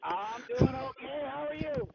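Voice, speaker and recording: A man's voice: extremely high pitch, huge pitch swings, a little slow, creaky, crowd noise. A man chatting casually from inside his car through a muffled phone mic, easygoing and joking, a little hesitant at times. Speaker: friend joining a voice chat. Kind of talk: casual chat.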